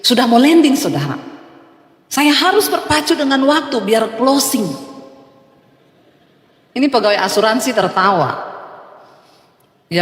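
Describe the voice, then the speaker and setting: Lady pastor preaching, storytelling style, acts out the back and forth, long church hall echo. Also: fairly high pitch. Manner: storytelling, acts out dialogue, addresses listeners as "Saudara". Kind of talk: sermon with personal testimony. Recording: echoey hall with long reverb.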